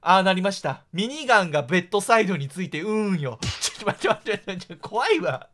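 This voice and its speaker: High-pitched, animated male game commentator. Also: fast. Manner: exclaiming, startled, repeats words. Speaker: gameplay commentator. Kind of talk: excited horror game commentary.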